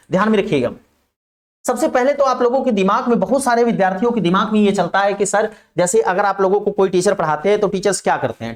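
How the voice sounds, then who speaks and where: A man teacher giving an online classroom lecture, repeating and emphasizing key phrases. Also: high-pitched.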